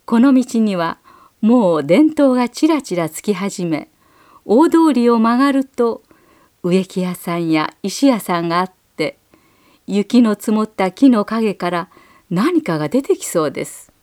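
A woman narrating a children's story aloud in a gentle, measured read-aloud manner. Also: mid-range voice, animated, no echo, studio quality.

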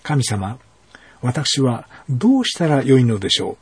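A man reads the part of an earnest young girl in a spoken story, praying softly and pleading for guidance. The voice stays husky and breathy, with a mid pitch for a man. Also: sing-song, unhurried, no echo, heavily acted. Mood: prayerful.

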